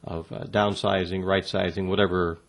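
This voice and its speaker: Man, guest in an interview, low-pitched, measured delivery full of pauses and restarts. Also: little pitch movement, creaky. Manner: measured, halting, many fillers and restarts. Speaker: interview guest on workplace communication. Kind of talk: answering interview questions.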